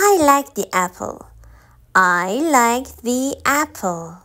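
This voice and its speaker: A woman teaching an online language lesson, quizzing her viewers, praising their answers and repeating each example slowly and clearly. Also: on the high side, darkish tone. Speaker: English teacher.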